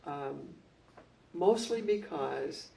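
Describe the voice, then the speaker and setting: An older woman with a gravelly, mellow voice recalls her years as a principal for a library gathering. She tells her anecdotes in a measured way, pausing on ums. The mic picks her up from across the room. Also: deep voice, lively intonation. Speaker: former school principal. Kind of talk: reminiscing talk at a community gathering. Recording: distant mic.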